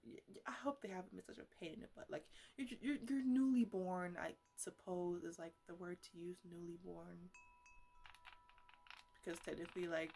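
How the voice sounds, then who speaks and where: In an improvised ASMR roleplay, a woman plays a chatty botanist who mothers her plants and gets exasperated easily, rambling in a halting, casual, playfully scolding way. Her voice is on the low side, gravelly and warm, with fairly even intonation, and her gentle, rambling mood comes through over a little hiss or hum.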